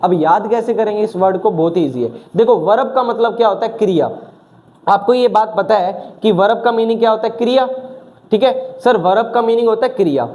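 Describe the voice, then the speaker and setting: Male teacher, slightly sore throat, drills words with repeated questions, high pitch, soft dark tone. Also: fairly quick. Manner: asks questions and answers them himself, repeating key words. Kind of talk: exam vocabulary lesson with question-and-answer drilling.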